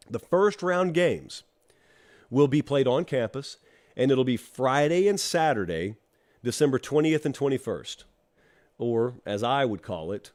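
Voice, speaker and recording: His nose clogged and stuffy from allergies, a middle-aged college football show host talks loosely and chattily on a live-streamed solo show with an ad read. He drops dry jokes for his live chat. His voice has a medium pitch and a darkish tone.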